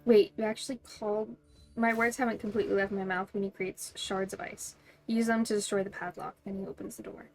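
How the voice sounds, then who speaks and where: A woman's voice: medium pitch, flat delivery, fast, faint music behind. A woman streaming a game, reading its text aloud and breaking into bubbly, giggly, playful asides.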